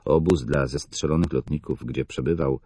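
A man narrating a novel in the first person, measured and somber. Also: extremely low pitch, fairly even intonation, warm tone, husky, no echo. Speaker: audiobook narrator.

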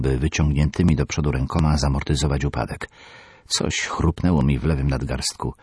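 A man narrating a horror audiobook in the first person, measured and tense. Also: a bass voice, a little mellow, slightly rough, no echo, studio quality.

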